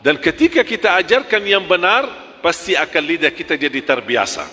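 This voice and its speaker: A man's voice: a little high, big pitch swings, normal speed, bright, forceful tone, long reverb tail, soft background music. A man teaching Quran recitation, drilling letters one by one and chanting examples, correcting sharply.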